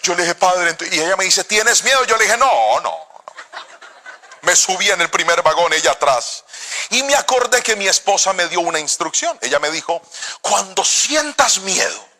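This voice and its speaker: A middle-aged man from Cali with a Colombian accent, preaching a sermon and telling a story in an animated, theatrical way with sudden shouts. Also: high voice, fairly quick. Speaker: pastor.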